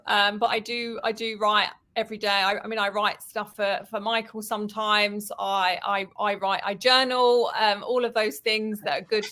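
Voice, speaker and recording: Chatty woman, bright voice. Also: medium pitch. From southern England. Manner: chatty, laughs often, repeats words as she goes. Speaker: author and writing coach, guest. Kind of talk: casual interview chat.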